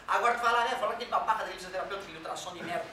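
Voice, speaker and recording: A man lectures a class in a fairly high, bright voice, cracking jokes and dropping swear words between the explanations. He is recorded from a distance in a very echoey room. Faint room noise sits under his voice. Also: racing. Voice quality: joking, colloquial, drops swear words, acts out quoted voices. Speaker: physics teacher. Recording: very echoey room, mic far off.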